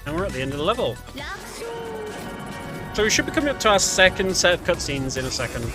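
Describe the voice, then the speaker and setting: With game music and sound effects running underneath, a speedrunner gives loose, slightly unsure commentary on his run, often fixing what he just said. His voice sits high, swings widely in pitch, and moves quickly.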